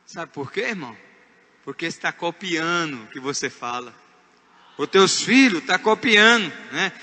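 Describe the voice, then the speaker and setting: A man with a Brazilian Portuguese accent preaching a sermon as pastor. He is emphatic, swinging from hushed asides to shouted points. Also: fairly high pitch, expressive, a little slow, long reverb tail. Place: church.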